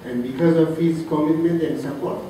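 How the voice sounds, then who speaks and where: Man from Africa, halting tribute speech, far off in a very echoey room with clear noise. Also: a little high, steady tone. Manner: soft-spoken, halting, many fillers. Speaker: colleague giving a tribute. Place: reception room. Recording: roomy, distant, noisy room recording.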